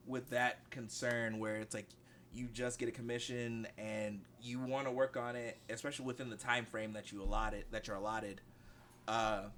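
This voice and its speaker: Man, podcast guest, artist, measured advice, mid pitch, faint hiss. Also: a bit bright. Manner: measured, gives practical advice. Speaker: interview guest, traditional artist. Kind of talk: casual podcast chat.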